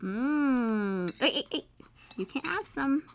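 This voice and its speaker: A woman's voice: high-pitched, lively intonation, takes it slowly, a little hiss or hum. A woman talking to her dog in a playful, coaxing way, with short repeated commands. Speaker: pet owner making a challenge video.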